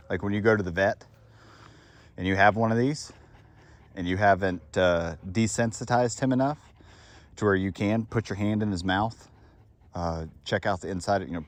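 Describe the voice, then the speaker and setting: A man's voice: fairly low pitch, moderate pace, long pauses. A man who trains dogs, giving an unscripted outdoor talk in a casual, blunt, rambling way with lots of fillers. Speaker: dog trainer and kennel owner.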